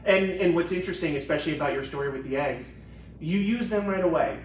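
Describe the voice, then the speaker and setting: A man's voice: a little high, fast. A man attorney co-hosting a casual discussion in a conversational, joking manner. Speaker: estate planning attorney, co-host. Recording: echoey room, mic at a distance, faint background noise.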